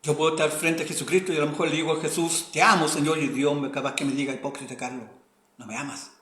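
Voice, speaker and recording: High-voiced preacher in an echoey room. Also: male voice, fairly even intonation, rapid-fire. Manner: swings from quiet reading to loud impassioned preaching. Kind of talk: sermon.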